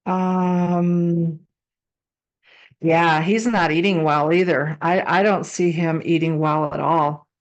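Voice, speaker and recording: A woman's voice: lowish voice, fairly even intonation, slow pace, muffled recording. A woman giving a casual, improvised tarot reading, speaking conversationally and repeating phrases for emphasis. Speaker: tarot card reader and psychic.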